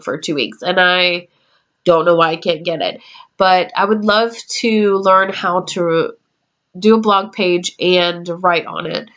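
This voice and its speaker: This twenty-something YouTuber speaks in a mid-range, fairly bright voice. Talking to camera in her home room, she wanders chattily through a list, saying um often in a relaxed vlog style.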